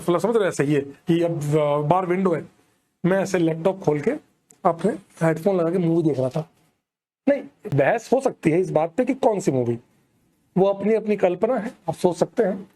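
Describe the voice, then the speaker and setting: A young man, telling a comic story in an animated way and keeping checking that the audience follows. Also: high voice. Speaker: stand-up comedian. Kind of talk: storytelling comedy.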